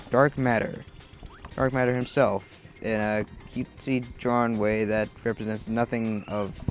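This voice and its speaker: A man giving casual let's play commentary over gameplay, rambling through tangents and game trivia, with sudden excited outbursts at the screen. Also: on the low side. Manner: bursts of excited shouting at the game.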